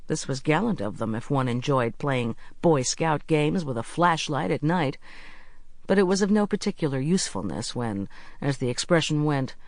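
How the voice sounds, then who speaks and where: An expressive audiobook narrator reading with a lively, rising-and-falling delivery at an easy mid pitch. The reading is measured and storytelling in tone, recorded close and dry. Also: dry recording.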